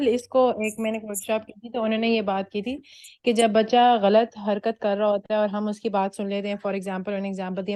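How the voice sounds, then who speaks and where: A woman in a group talk, calmly passing on what she learned at a parenting workshop. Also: medium pitch, no echo, studio quality. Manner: recounts workshop lessons calmly. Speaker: participant. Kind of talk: casual group discussion.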